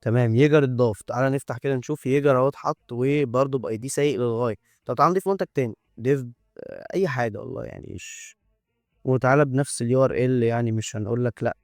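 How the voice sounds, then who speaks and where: A man's voice: medium pitch, very fast, darkish tone, no echo, clean studio sound. A man with an Egyptian Arabic accent walks through a coding tool on screen in a casual demo. He chats as he goes, thinks aloud and drops joking asides. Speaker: tech YouTuber.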